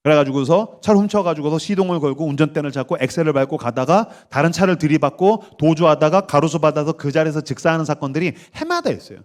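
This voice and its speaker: A man's voice: on the high side, fast talker, few pauses. A pastor in his forties giving a sermon at a youth summer camp, leading the crowd to repeat after him and acting out quoted voices. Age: 40s. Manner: animated, acts out quoted voices, leads call-and-response. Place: church stage at a summer camp.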